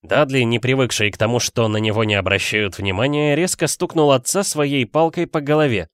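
A man's voice: medium pitch, a little fast, a bit bright, no echo, clean studio sound. A man reading an audiobook, narrating steadily and expressively. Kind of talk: scripted narration.

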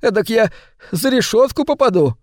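A man voicing a meek, plump little man who turns defiant, with a shrill voice and a pleading, blustering manner. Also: lively intonation, moderate pace, a little mellow, no echo, clean studio sound. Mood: shrill protest.

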